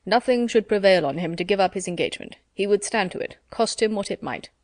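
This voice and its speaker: A woman voicing a pompous, self-satisfied middle-aged gentleman in a storybook reading, measured and formal. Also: medium pitch, dry recording, studio quality, natural voice.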